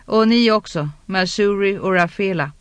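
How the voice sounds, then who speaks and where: A brisk, cool noblewoman from a fantasy audiobook, as the narrator puts her on, handing out orders in a steady voice. The recording is dry and close, with no room sound. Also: medium pitch, clear, resonant tone, dry recording, close to an everyday voice. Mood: commanding.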